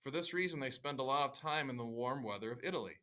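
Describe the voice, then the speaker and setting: A man's voice: mid-range voice, expressive, fast. A teacher reading as a young man telling his family story. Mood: earnest. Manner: read aloud in a raised, louder storytelling voice. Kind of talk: reading a novel aloud to students.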